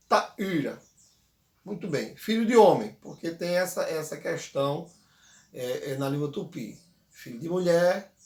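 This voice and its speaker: A man teaching a grammar lesson, patiently repeating words slowly so the viewer can say them back. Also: fairly high pitch, reverberant. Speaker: Tupi language teacher.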